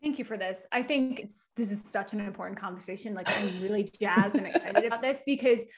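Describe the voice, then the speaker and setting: A woman's voice: mid-range voice, fairly quick. A woman hosting a podcast interview, talking in an enthusiastic, chatty way with lots of fillers. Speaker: podcast host.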